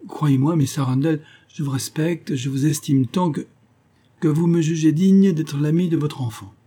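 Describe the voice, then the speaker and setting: Guy reading an audiobook doing a bitter unhappy young woman, stern, impassioned, pitched up, kinda husky. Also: normal speed, mellow, lightly acted. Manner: impassioned, raised tone.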